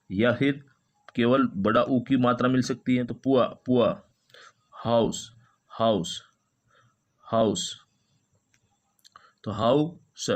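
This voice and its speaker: A man teaching an English phonetics lesson, repeating each word slowly several times. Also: medium pitch.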